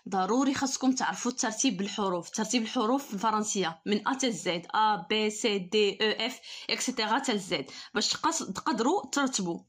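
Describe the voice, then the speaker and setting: A young Moroccan woman teaches an online school lesson in a fairly high, husky voice. She talks quickly when she explains, and reads the French words slowly and carefully.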